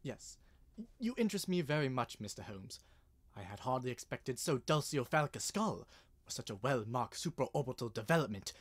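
A young man playing an eccentric, absent-minded country doctor with a husky voice and a fussy, halting, eager manner in a radio play. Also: mid-range voice, sing-song. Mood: polite, curious. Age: young adult. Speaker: student actor. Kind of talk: 1930s-style radio drama acting.

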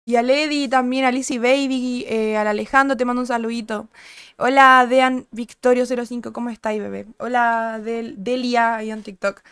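A young woman with a Chilean accent, chatting loosely with her live chat in crude slang. Her voice sits fairly high and comes through smooth, on a close, dry mic. Today it carries a slight huskiness. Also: steady tone, normal speed, a bit bright, no room sound. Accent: Chilean Spanish. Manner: chatty, crude slang, reads out and greets viewers. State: slightly husky voice from little streaming. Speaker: streamer. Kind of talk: casual chat with live chat viewers.

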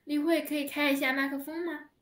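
A woman teaching an online language lesson over a video call, speaking slowly and patiently, drawing out words for her learners. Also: high voice, level tone. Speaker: Chinese teacher. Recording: echoey room, heard from a distance.

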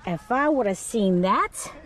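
A woman's voice: mid-range voice, expressive, a little slow. A middle-aged woman chatting straight to her viewers as she films herself on park trails. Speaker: vlogger. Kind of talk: casual vlog narration. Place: outdoor park trails by a spring. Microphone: handheld camera at arm's length.

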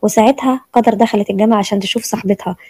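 A woman's voice: medium pitch, steady tone, warm tone, breathy edge, no echo. A woman with an Egyptian accent narrating a serial story in a conversational way. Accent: Egyptian Arabic. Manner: rapid, conversational.

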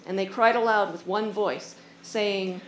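A woman's voice: medium pitch, steady tone, unhurried, over a noisy crowd. A woman reciting scripture as narration. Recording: echoey room with faint noise.

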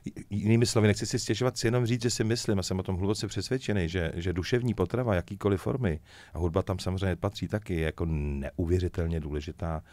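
A middle-aged man with a very low voice, talking casually as an interview guest. He jokes and tells stories in a lively way. His voice is close and dry, with no room sound. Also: no room sound. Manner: lively joking storyteller, chuckles often. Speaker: musician guest.

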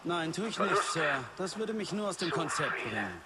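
An actor playing a cocky, joking young special forces sergeant in a video game, brash and mock-formal. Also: male voice, on the high side, sing-song, moderate pace. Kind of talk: dramatic video game acting. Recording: loud wind and game ambience.

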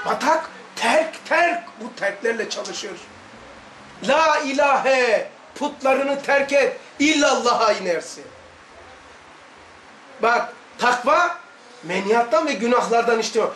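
A man's voice: extremely high pitch, pushed and bright, echoey room, a little hiss or hum. A man with a Laz Turkish accent, giving an emphatic religious lesson full of repetition and rhetorical questions. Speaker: religious study teacher.

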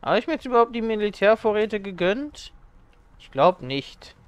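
A man livestreaming a game as a vtuber, chatting casually and thinking out loud as he plays. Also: sits high, lively intonation, moderate pace, clean tone. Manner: vtuber-style streaming chatter, thinking aloud. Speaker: livestreamer playing a zombie game. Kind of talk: casual German let's play commentary.

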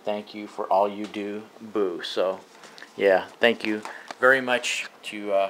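An older man with a low voice talks casually to his online viewers. His delivery is plain and informal, with little rise and fall. There is faint noise in the room behind him. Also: fairly bright tone, poor audio. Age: older, around 60. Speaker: moto vlogger. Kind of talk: casual video chat to viewers. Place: small living room indoors.

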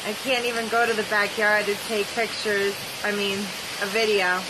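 A woman's voice: medium pitch, little pitch movement, normal speed. A woman recording a casual video message as an eyewitness to bad weather. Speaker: amateur storm eyewitness. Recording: clear rain and wind hiss. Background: rain and wind.

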